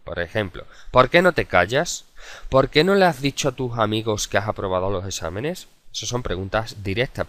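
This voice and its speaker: A male teacher from gives a recorded video lesson. He explains step by step and fills his pauses with "eh" and "em". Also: lowish voice, a bit bright. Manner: methodical and explanatory, with frequent hesitation sounds. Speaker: adult education teacher.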